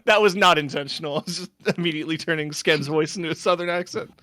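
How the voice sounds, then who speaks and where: A player talking casually while playing a tabletop game, chatty and lively. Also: medium pitch, quick pace, dry recording.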